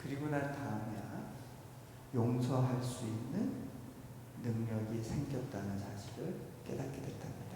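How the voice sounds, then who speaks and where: A man, a missionary, preaching a revival sermon and telling stories with acted quotes, swinging between loud and soft. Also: mid-range voice, moderate pace. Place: church sanctuary. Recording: echoey church hall, faint noise.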